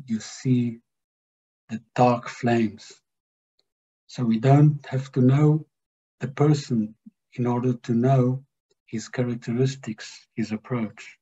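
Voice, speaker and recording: Man, spiritual teacher, slow measured talk, husky mellow voice, muffled lo-fi sound. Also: medium pitch. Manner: slow, measured, emphatic delivery.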